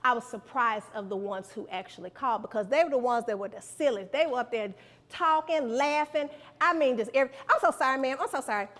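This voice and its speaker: Animated high-voiced woman speaker. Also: a little fast. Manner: animated, preacherly, repeats lines for emphasis. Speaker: guest speaker. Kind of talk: motivational speech to students.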